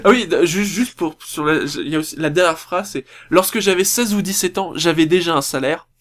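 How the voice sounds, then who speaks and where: A man with a high voice talks in a casual podcast chat, dryly ironic about what he reads out. His delivery is easygoing and teasing. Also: a little fast. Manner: wry, ironic. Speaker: podcast co-host.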